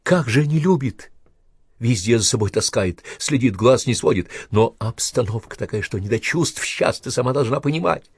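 A man narrating an audiobook in an even, measured storytelling manner. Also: mid-range voice, slightly rough, no room sound, studio quality. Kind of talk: scripted narration.

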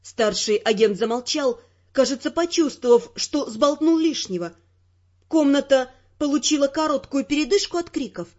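A woman narrating a first-person audiobook with expressive, dramatic delivery. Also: high voice, normal speed, highs cut off.

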